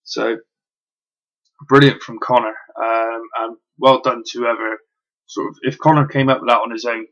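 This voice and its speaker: A man's voice: mid-range voice, flat delivery, normal speed, fairly bright tone, lo-fi sound. A man casually reviewing wrestling, rambling with lots of ums and the odd swear word.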